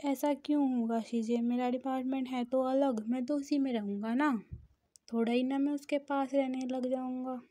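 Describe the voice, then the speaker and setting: A woman's voice: high voice, steady tone, normal speed, mellow, no echo, studio quality, close to an everyday voice. A woman voicing a cheerful, whiny young male student in a storybook reading. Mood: eager.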